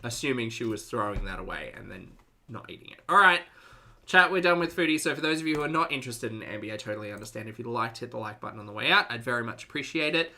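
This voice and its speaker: This reaction-stream host speaks fast and animated, his mid-range voice creaky and sharp. He chats casually to his live audience, delivering dry, teasing sarcasm as running commentary.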